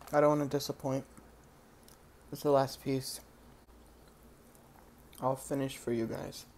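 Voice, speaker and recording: Deadpan young man reviewing food. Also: on the high side, a little hiss or hum. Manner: dry, deadpan, crude humor. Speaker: comedy vlogger. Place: small indoor laundromat by a window. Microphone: phone camera held close.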